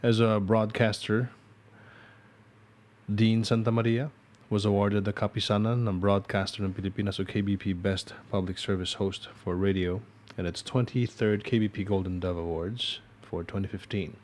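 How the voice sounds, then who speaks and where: A man with a Filipino accent hosting an interview podcast, giving a formal, measured introduction of his guest. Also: on the low side, steady tone, a little mellow. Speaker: podcast host.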